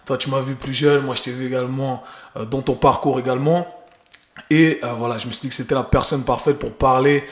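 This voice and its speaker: A man from Geneva, Switzerland hosts a casual podcast, chatting loosely and mixing in English slang. His mid-range voice keeps a steady tone at a fairly quick pace. The recording has a roomy echo.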